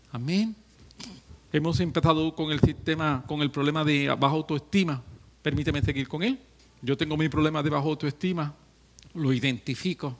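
Male pastor, slightly high voice, animated sermon delivery with humorous asides. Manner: animated preaching, swinging from hushed to shouting with joking asides.

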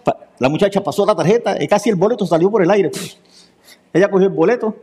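A man's voice: sits high, quick pace, a little hiss or hum. A man preaching a sermon, telling a story and acting out each person's lines. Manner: lively storyteller acting out dialogue.

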